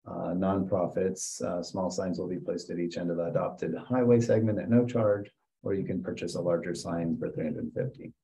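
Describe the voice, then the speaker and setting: A man at a committee meeting, reading program details aloud in a halting way with frequent fillers. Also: sits low, steady tone, creaky, mellow, rough recording. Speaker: committee member.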